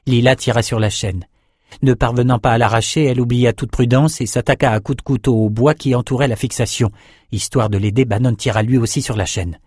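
A man narrating a fantasy audiobook in a steady, measured reading. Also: medium pitch, slightly rough, no room sound, clean studio sound.

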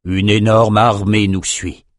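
A man voicing a grave, weary wizard who speaks slowly and deliberately. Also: level tone, no room sound, studio quality. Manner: slow, low and deliberate.

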